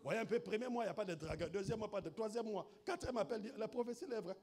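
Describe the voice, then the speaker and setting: A man delivers a sermon in a high-pitched voice, dropping to a near-hush as he tells a story, then rising to shouted proclamations. He keeps calling out to the congregation. Soft music plays faintly behind him. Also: very fast. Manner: swings between hushed storytelling and shouted proclamation; punctuates with exclamations to the congregation. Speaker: pastor.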